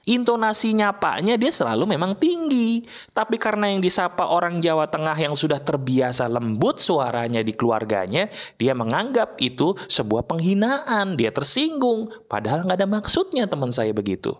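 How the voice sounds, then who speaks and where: A man giving a motivational talk over an animated video. He speaks directly to viewers as friends and keeps asking rhetorical questions. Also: sits high, moderate pace. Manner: addresses listeners as friends.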